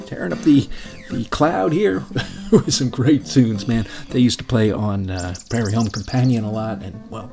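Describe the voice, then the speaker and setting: A man hosting a show, giving a casual, offhand introduction in a loose, halting way. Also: medium pitch, darkish tone. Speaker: show host.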